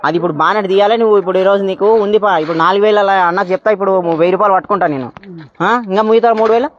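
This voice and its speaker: A man's voice: high-pitched, very fast, a little hiss or hum. A man arguing insistently in a comedy skit, as a mechanic demanding his pay and scolding his helper. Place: outdoor workshop. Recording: dull lo-fi phone audio with crowd behind.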